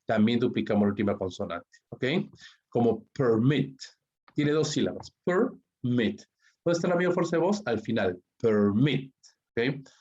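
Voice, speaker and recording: Peruvian guy teaching english grammar online, keeps saying ok, mid pitch, kinda dull lo-fi sound. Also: animated, normal speed, darkish tone, husky. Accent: Peruvian Spanish. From Peru. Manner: explains step by step, checks with constant "¿ok?" and "¿no?". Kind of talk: recorded online class. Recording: dull lo-fi recording.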